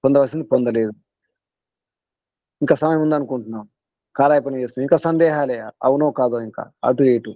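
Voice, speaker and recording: A Telugu-accented guru gives a spiritual discourse to his students, earnestly urging them on and repeating his points again and again. His medium-pitched, mellow voice moves fairly quickly with long pauses. The recording has no room sound and the highs are cut off.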